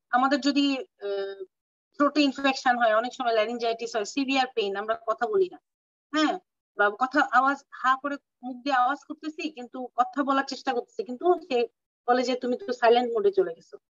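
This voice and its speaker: A woman teaching an online medical class, explaining terms slowly and often checking that students follow. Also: high voice, no room sound. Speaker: medical lecturer. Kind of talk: online clinical class lecture. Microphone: video call. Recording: distant, dull lo-fi audio, dry.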